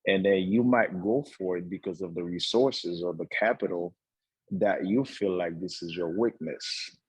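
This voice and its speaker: A young man from Haiti, a guest entrepreneur on a talk show, speaking earnestly with many pauses and fillers. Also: sits low, a little mellow, slightly rough, no echo, rough recording. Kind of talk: casual talk-show conversation.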